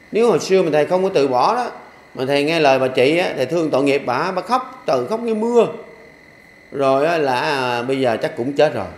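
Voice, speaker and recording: A man's voice: mid-range voice, a little hiss or hum. A man, a Buddhist monk, giving a dharma talk to lay followers in a folksy, repetitive way with humorous asides. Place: temple hall. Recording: echoey hall with faint ambience.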